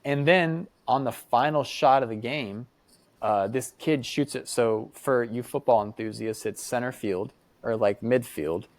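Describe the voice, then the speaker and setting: A young American man, a podcast guest, telling casual stories in an animated way, acting out quoted voices between many fillers. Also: mid-range voice, a little slow, no echo. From United States. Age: young adult. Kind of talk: casual storytelling.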